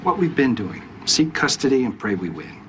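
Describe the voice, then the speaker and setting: A man's voice: mid-range voice, very animated, moderate pace, fairly bright tone, a little hiss or hum. A man acting in a TV drama as a cautious, pragmatic character who reasons firmly. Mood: firm, reasoning. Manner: reasoning, firm. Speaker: actor in a TV film.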